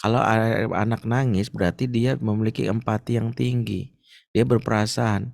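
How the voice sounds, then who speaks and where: A man speaking as an ustadz in an Islamic parenting talk, answering a question in a lively, joking way. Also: fairly low pitch, moderate pace, creaky, dry recording, clean studio sound. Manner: lively, joking, acts out stories.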